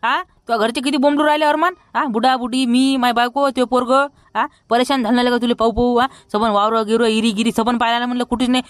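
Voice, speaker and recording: A man's voice: extremely high pitch, steady tone, smooth, no room sound. A man with a Vidarbha Marathi accent playing a broke village man who scolds everyone in a rustic comedy sketch. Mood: scolding. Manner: scolding, rapid and loud.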